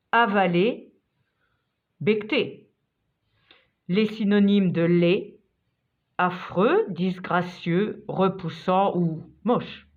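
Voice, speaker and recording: A woman narrating a scripted vocabulary lesson as a teacher, reading out examples one by one in a measured way. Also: mid-range voice. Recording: tinny phone-like sound.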